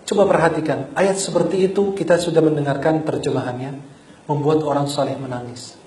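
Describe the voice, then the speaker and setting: Mellow-voiced preacher in a roomy hall. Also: male voice, a little high, fairly even intonation, fairly quick, slight background noise. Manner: chants Quranic verses melodically between spoken teaching; frequent throat clearing, rising emphatic questions. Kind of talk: Ramadan sermon. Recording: roomy echo.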